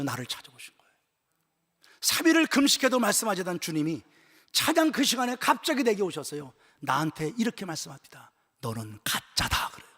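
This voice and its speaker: A male pastor preaching an emotional sermon at a church retreat. He tells a personal story, swinging from loud exclamations to hushed whispers. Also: sits high. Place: church sanctuary. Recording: echoey church hall with long reverb.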